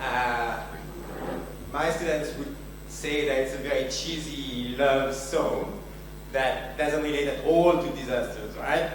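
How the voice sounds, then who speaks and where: In a very echoey hall at a large conference venue, a man from France takes his time, speaking slowly in a medium-pitched voice with a French accent. He gives the keynote with jokes and self-deprecation toward the audience, recorded on a distant mic with a faint hum.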